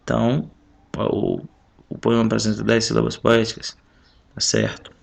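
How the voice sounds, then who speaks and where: Gravelly-voiced Brazilian man teaching. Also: fairly low pitch, big pitch swings, moderate pace. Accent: Brazilian Portuguese. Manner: explains step by step, counts syllables aloud. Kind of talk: recorded lesson, going over a test. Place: home.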